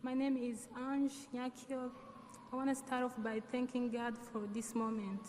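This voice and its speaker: A young woman who isn't a native English speaker gives an earnest, measured graduation speech as the student speaker in a large hall. Her voice is fairly high and a little mellow, with little pitch movement. Hall reverb and faint noise color the recording.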